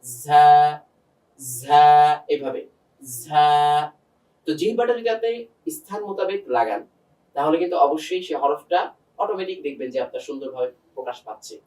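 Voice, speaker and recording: A man's voice: on the high side, expressive, fast, darkish tone, recorded from a distance, rough recording. A man teaching Quran pronunciation one-on-one, patiently demonstrating single sounds and quizzing his student.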